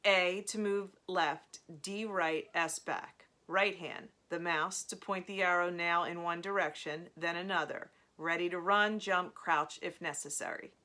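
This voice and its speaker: A woman reading a novel aloud in a slow, measured storytelling manner, with casual asides between chapters. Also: lowish voice, steady tone, sharp tone. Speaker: reader of a novel.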